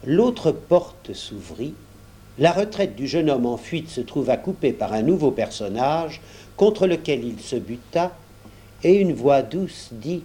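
Slow, mellow male storyteller. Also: mid-range voice, a little hiss or hum. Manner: measured, unhurried storytelling. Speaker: audiobook narrator. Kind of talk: storybook reading.

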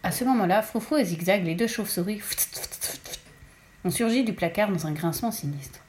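A woman's voice: medium pitch, a little fast, slight background noise. Woman reading a children's storybook aloud. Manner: lively, expressive. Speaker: narrator.

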